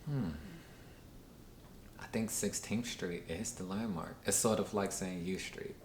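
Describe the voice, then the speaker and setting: Being interviewed informally, a D.C. man in his thirties takes his time, his speech full of pauses and filler words. The audio has a spacious feel and a constant low rumble.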